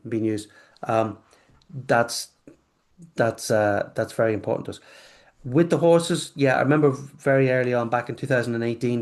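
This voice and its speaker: A man from the UK, a company guest in a casual interview, talking with many restarts and fillers. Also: mid-range voice. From United Kingdom.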